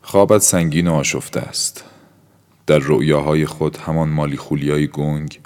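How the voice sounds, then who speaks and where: Man narrating in an extremely deep voice. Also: a little mellow. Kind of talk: scripted audiobook narration. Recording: long hall-like reverb.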